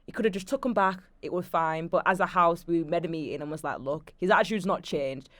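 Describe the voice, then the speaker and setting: A woman's voice: on the low side, a little fast, no room sound. A young woman, telling stories animatedly as a guest in a casual interview. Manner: chatty, animated storyteller with lots of fillers.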